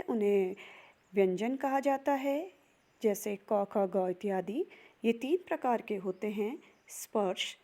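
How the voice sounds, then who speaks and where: A woman's voice: on the high side, warm tone. A young woman giving a recorded grammar lesson, spelling out sounds one by one. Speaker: teacher.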